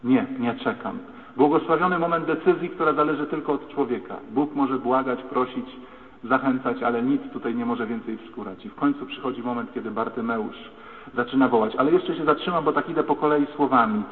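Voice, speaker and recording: A man preaching a lively, dramatic sermon as a priest in a church. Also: mid-range voice, a little fast. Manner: lively, dramatic, acts out shouting voices. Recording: echoey church, tinny phone-like sound.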